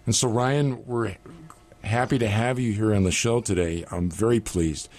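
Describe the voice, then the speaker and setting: A man hosting a radio talk show as rector of a seminary, speaking in a measured, earnest way. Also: lowish voice, darkish tone.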